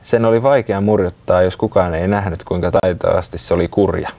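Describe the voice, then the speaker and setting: Deep, gravelly male storyteller. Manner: calm, unhurried reading. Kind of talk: reading a children's story aloud.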